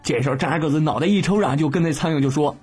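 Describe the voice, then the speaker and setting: A man's voice: fairly high pitch, very fast, a little mellow, slightly rough, soft background music. A man, hosting a comedy podcast and telling jokes in a playful, slangy way. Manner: playful, laughs often, slangy. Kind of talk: casual joke telling.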